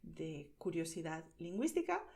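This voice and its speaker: A woman from Spain with a Spain Spanish accent, teaching pronunciation to learners slowly and clearly, often checking in with "¿vale?". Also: low-pitched, big pitch swings, a little mellow. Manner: slow, clear, over-articulated, checks in with "¿vale?".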